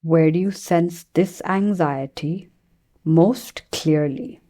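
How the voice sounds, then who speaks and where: A woman with a low-pitched voice teaches a guided meditation, speaking gently and soothingly and leaving long pauses between her phrases.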